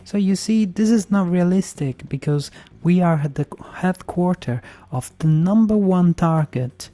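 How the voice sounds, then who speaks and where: Male game streamer, very soft dark tone, slightly high pitch, argumentative casual commentary. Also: a little slow, faint music behind.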